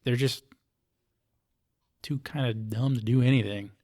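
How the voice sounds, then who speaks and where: A man with an American accent and a warm, medium-pitched voice talks at an unhurried, steady pace. As an interview guest, he chats casually in blunt, colloquial language.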